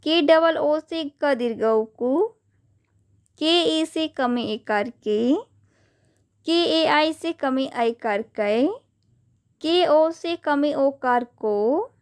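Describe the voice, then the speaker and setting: A woman teaching a grammar lesson, spelling out words letter by letter in a slow, deliberate way. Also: sits high, a little mellow.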